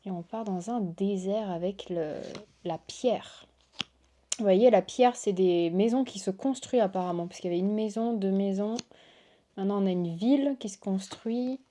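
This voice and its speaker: Woman gushing over new cards to her viewers, lots of oohs, warm mellow voice, average pitch. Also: moderate pace. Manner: gushing, exclamatory, lots of waouh and oh là là. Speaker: tarot reader and channel host. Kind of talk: casual unboxing chat to viewers.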